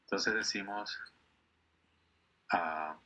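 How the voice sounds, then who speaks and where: A man from Ecuador, teaching an online class and patiently repeating words slowly for his students. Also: deep voice, bright, forceful tone, low-quality recording. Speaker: English teacher.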